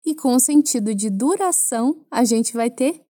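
Brazilian female language teacher, bright high register, dead-dry studio read, clear and patient. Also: lively intonation, measured pace, no echo. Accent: Brazilian Portuguese. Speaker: French teacher. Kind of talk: language lesson for Portuguese speakers.

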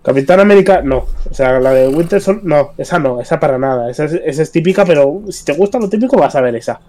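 A man with a Spanish accent co-hosting a podcast, his voice slightly higher than average and mellow in tone. He gives blunt, opinionated takes in casual chat and uses crude slang. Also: expressive, fast. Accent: Spain Spanish. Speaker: podcast co-host.

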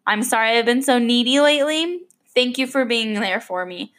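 Young woman rambling thru her podcast, kinda high voice, lots of ums, bit choked up. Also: moderate pace, fairly bright tone. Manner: rambling, with many fillers and restarts. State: a little choked up. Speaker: podcast host. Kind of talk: unscripted casual podcast monologue.

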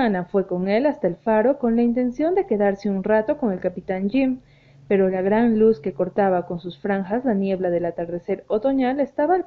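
A woman narrating an audiobook in a measured, expressive reading voice. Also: medium pitch. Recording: tinny phone-like sound.

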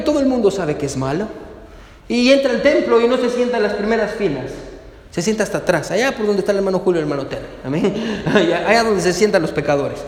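Fervent high-voiced male pastor in echoey hall. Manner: fervent, repeats "hermano" and "amén", chuckles often. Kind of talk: sermon.

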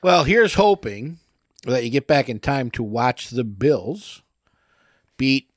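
A man's voice: medium pitch, sing-song, slow, no echo, studio quality. A man co-hosting a casual sports chat, agreeable and easygoing, with casual swearing. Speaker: podcast co-host.

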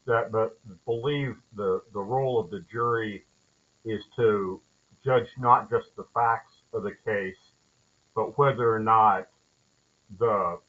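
Male judge, lower voice, measured and halting delivery, muffled call audio. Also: bright, forceful tone. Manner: halting, thoughtful, many fillers and restarts. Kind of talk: explaining during a training call.

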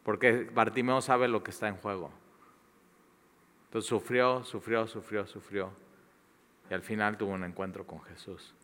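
A man preaching a sermon and leading a closing prayer, repeating words for emphasis and dropping from loud to hushed. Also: fairly low pitch, moderate pace. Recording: long reverb of a large hall.

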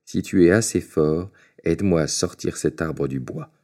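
A man reading aloud, voicing a gruff, scornful giant in a storybook tale. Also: low voice, moderate pace, mellow.

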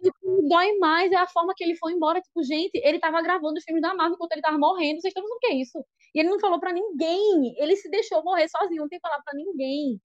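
Fast-talking high-voiced Brazilian woman. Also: dry recording. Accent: Brazilian Portuguese. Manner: fast, emotional, lots of fillers. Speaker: podcast co-host. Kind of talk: casual podcast chat. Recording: dull lo-fi sound.

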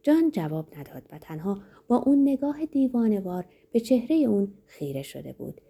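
Brief: woman audiobook narrator, mellow husky voice, dramatic read. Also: medium pitch, sing-song. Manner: dramatic, varied delivery.

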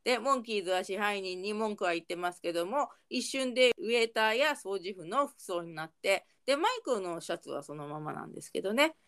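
Woman, fast chatty recap host energy, mid pitch, easygoing asides. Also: animated, fairly bright tone, clear, resonant tone. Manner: quick, chatty narration with small asides and laughter. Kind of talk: casual chat recapping a TV episode.

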